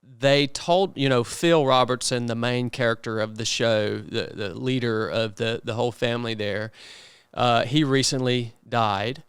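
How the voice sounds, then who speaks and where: Male interview host, very clean smooth tone, medium pitch, earnest and informal, dry close recording. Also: a little slow, dry recording. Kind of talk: casual conversational interviewing.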